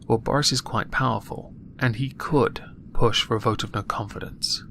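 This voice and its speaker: A man giving a political opinion monologue in a flat, monotone voice while clearly annoyed. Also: medium pitch, moderate pace, a little hiss or hum. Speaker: political commentator.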